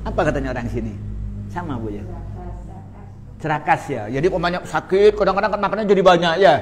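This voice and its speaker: Speaking fast in a slightly high voice, a middle-aged Islamic preacher delivers a religious lecture before a live audience. His style is chatty and full of jokes, and he often asks the listeners questions.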